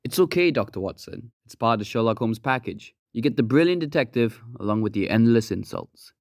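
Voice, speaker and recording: A man's voice: medium pitch, expressive, fairly quick, no room sound, studio quality, natural voice. A man playing a patient, good-natured police inspector in an audio drama, speaking in a matter-of-fact way. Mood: wryly tolerant.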